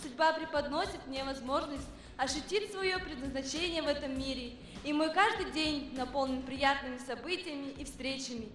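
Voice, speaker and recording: A woman's voice: sits high, a bit bright, slight background noise. A young woman of nineteen giving a formal stage self-introduction as a pageant contestant. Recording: echoey hall from far off, music.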